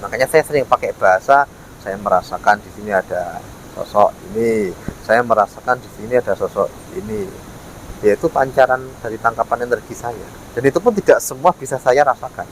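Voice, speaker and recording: A man's voice: mid-range voice, fairly quick, rough recording. A man talks casually to camera as a vlogger, explaining and repeating his points. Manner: explanatory, repeats himself, frequent tag words. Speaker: ghost-hunting vlogger. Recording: faint ambient and vehicle noise.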